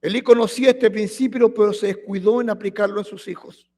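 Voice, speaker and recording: A man's voice: high-pitched, fairly even intonation, brisk, dark tone. A male pastor preaching a sermon, reading scripture aloud with emphasis and throwing rhetorical questions at the congregation.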